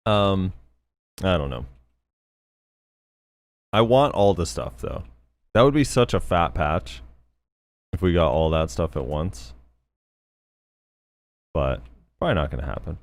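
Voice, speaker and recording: A man hosting a casual gaming podcast, relaxed and laid-back, still in his morning voice. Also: low-pitched, a little slow, pauses often. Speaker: podcast host.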